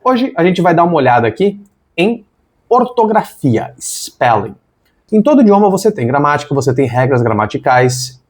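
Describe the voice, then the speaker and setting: Lively man teaching English spelling. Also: fairly high pitch. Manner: explains step by step, spells words out letter by letter. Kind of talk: online language lesson.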